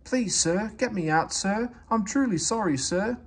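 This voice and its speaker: A man's voice: high voice, lively intonation, measured pace, creaky, husky, pitched above the performer's own voice, exaggerated voice. Man voicing a cheeky, swooping little tank engine. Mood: pleading. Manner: boastful, plaintive when in trouble. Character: cheeky, conceited young tank engine, boastful.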